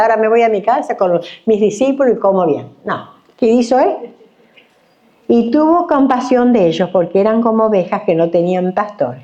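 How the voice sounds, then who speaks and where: Woman bible teacher, sermon in church, warm mellow voice, a bit dull recording, acts out little voices. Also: mid-range voice. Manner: animated, acts out complaining voices, asks the audience questions. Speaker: Bible teacher at a women's conference.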